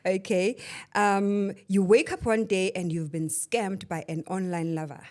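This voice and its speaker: A woman hosting a podcast, bubbly and quick to laugh, mixing English and Zulu in casual chat. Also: medium pitch, fairly even intonation, darkish tone. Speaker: podcast host.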